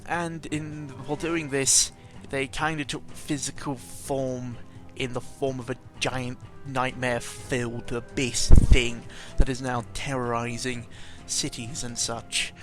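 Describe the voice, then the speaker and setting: In a slow, mid-range voice with little pitch movement and few pauses, a man gives a casual video game audio log. This vlogger jokes and rambles, interrupting himself with exaggerated emphasis, as clear game music plays in the background.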